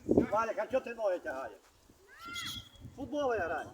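A man yelling commands from the sidelines as a youth football coach at an outdoor pitch. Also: sing-song, moderate pace, very noisy. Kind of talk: instructions yelled from the sidelines.

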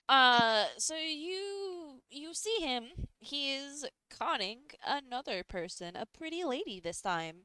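A woman narrating a tabletop game as game master, unhurried and hesitant, with many fillers. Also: sits high, big pitch swings, sharp tone, no echo.

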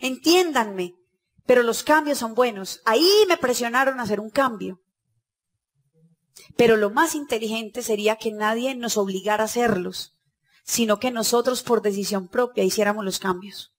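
A woman with a high, bright-pitched voice speaks to a conference audience. She gives a motivational talk in a lively storytelling manner and acts out the dialogue. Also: moderate pace.

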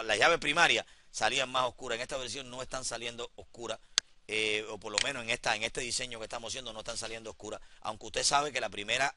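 A man teaching a software class in a classroom, repeating each step and talking straight to his students. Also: medium pitch, background noise. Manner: repeats instructions, addresses students directly. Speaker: computer instructor.

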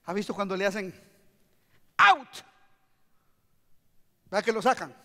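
A man preaching a sermon as pastor, animated, acting out quotes and swinging between hushed and loud. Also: high-pitched, racing. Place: church sanctuary. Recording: long hall reverb.

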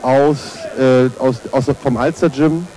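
A man commentating on a fight off the cuff, in measured, halting phrases. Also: mid-range voice, steady tone, dark tone. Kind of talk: unscripted sports commentary.

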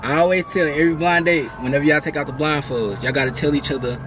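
A man hosting a blind date video, loud and excitable, full of slang and asking "you know what I'm saying". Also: on the high side, quick pace, background noise. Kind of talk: casual hype hosting.

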